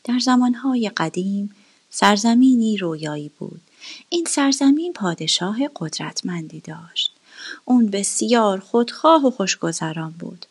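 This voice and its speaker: A woman narrating a fairy tale in a gentle storytelling voice that often drops to a whisper. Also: mid-range voice, animated, husky.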